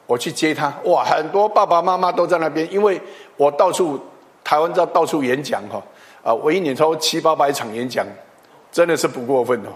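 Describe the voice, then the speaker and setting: A middle-aged man, preaching a chatty, animated storytelling sermon. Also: on the high side, a little fast. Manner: animated, chatty, with tag particles and restarts. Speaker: pastor. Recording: long hall reverb.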